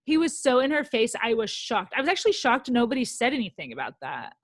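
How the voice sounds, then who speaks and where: A young woman co-hosting a podcast, chatting excitedly about reality TV with lots of "like" and "um". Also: on the high side, fast, dry recording. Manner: chatty, excitable, says "like" and "um" often. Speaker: podcast co-host. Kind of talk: casual chat about reality TV.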